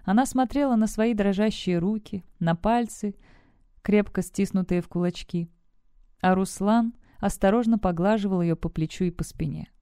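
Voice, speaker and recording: A woman narrates an audiobook in a steady, measured manner. Her voice is warm and smooth. The close studio recording is dry. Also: medium pitch, no room sound.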